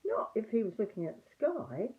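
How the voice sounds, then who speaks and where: Through phone-like, narrow sound speaks a small, eager piglet from a children's storybook, acted by a woman. He is a questioning, helpful companion whose pitch jumps about in a lively way. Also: moderate pace. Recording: muffled, narrow phone-like audio.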